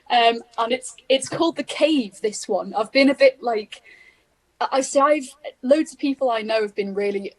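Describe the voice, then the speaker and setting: A woman's voice: fairly high pitch, a little slow. A woman with a Liverpool accent, a guest singer-songwriter on a video call, chatting in a meandering way and laughing easily. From England. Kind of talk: casual chat.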